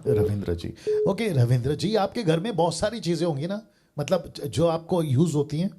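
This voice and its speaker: A male preacher with a slightly high, mellow, somewhat rough voice speaks at a moderate pace with big swings in pitch. Taking a caller's question on a live call-in show, he reasons earnestly through everyday examples and often says "sir."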